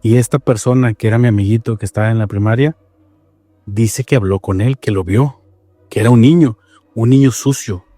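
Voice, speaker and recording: Mellow-voiced Mexican man telling eerie stories. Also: fairly low pitch, a little fast, dry recording. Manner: animated storyteller, rambling with repeated restarts. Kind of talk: casual paranormal storytelling chat.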